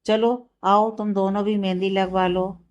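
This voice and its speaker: A woman's voice: medium pitch, flat delivery, measured pace, darkish tone, muffled recording, close to an everyday voice. A woman voicing a bossy mother scolding her sons. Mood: scolding coaxing. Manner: bossy, coaxing.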